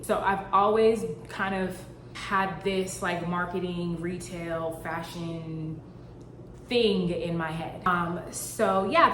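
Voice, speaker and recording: In a casual vlog, a young Boston-born fashion brand founder talks playfully to the camera, using plenty of fillers. Her voice is lowish and a bit bright, recorded in an echoey room with faint ambience and slight background noise.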